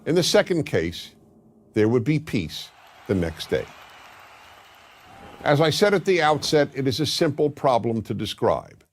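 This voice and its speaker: A man narrates a scripted explainer in the manner of a lecturer. His mid-pitched voice moves up and down widely for emphasis. He is deliberate and didactic, setting off key phrases with pauses. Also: very animated, a little hiss or hum. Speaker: commentator and lecturer.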